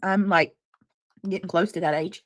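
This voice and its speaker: A woman's voice: fairly low pitch, steady tone, normal speed, no room sound, clean studio sound. A woman, chatting casually on a livestream and reading out viewers' comments with a teasing, talkative manner. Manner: chatty, teasing, chewing while talking. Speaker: livestream host.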